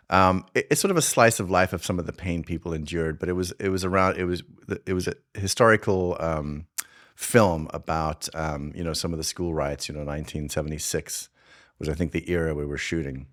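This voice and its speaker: A man from South Africa with a light South African accent and a very low voice hosts his own show. He thinks aloud as he talks, circling back and restarting his sentences. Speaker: podcast host and filmmaker. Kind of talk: casual reflective monologue.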